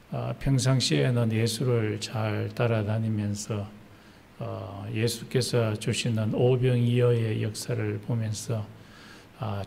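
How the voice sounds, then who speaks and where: A male pastor preaching a sermon slowly and deliberately, pausing often with "uh" fillers. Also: mid-range voice, creaky, darkish tone. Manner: slow, deliberate preaching with many pauses and "uh" fillers. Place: church sanctuary. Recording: church hall reverb, faint noise.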